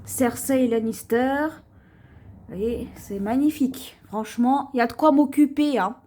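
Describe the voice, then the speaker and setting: A haul vlogger with a high, warm voice shows her shopping haul to viewers in a slow, chatty show-and-tell. She keeps pointing things out, often repeating "voyez," and sometimes trips over words and restarts names.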